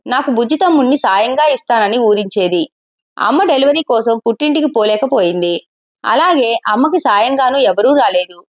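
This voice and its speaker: A woman's voice: fairly high pitch, natural voice. A woman reading as a grieving young husband. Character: grieving young married man, guarded.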